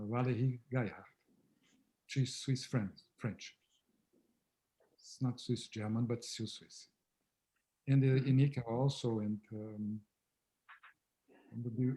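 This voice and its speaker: On a casual video call, a medium-pitched man whose native language is Portuguese talks softly and thoughtfully. He appears as a guest, the founder of a therapy method.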